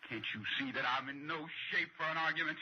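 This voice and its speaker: An actor playing a greedy, irritable, jumpy husband in a retro suspense radio drama, blustering and sneering with an old prospector's twang. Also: male voice, a little high, fairly even intonation, quick pace, natural voice. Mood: jumpy, snappish. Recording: muffled, noisy old radio recording.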